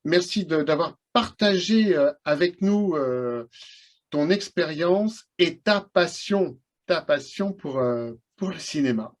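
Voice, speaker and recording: A man's voice: fairly high pitch, expressive, slow pace. A man hosting an interview show, asking questions with a lot of hesitation and fillers, then signing off. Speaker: host.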